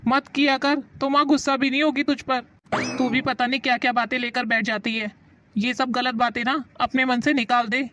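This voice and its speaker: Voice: high voice, little pitch movement, moderate pace, pushed and bright. A performer playing a stern young husband who lectures his wife to respect his mother, in a family drama skit. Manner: lecturing, curt.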